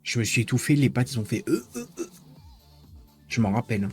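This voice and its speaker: A man's voice: mid-range voice, racing, a little mellow, faint music behind. A man chatting casually with his live-stream viewers, rambling and joking as he teases the chat.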